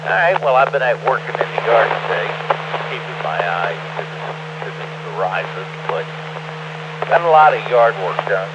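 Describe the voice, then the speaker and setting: A man's voice: mid-range voice, big pitch swings, moderate pace. An older man checking in on a ham radio net, chatty and making joking grumbles. He is heard over a radio transmission. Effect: ham radio transmission with heavy static. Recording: muffled lo-fi radio with loud static.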